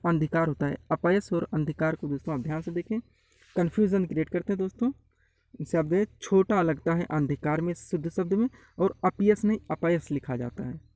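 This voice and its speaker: A man's voice: a little high, warm tone, no room sound, poor audio. Man lecturing on Hindi spelling. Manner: repeats corrections, addresses viewers as friends. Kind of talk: online exam-prep lecture.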